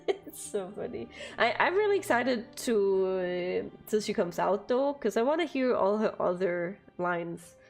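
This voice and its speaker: A woman's voice: mid-range voice, very animated, a little slow, gravelly, a little mellow, faint music behind. A woman from Denmark chatting casually on a livestream, giggly and chatty, swearing now and then. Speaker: streamer.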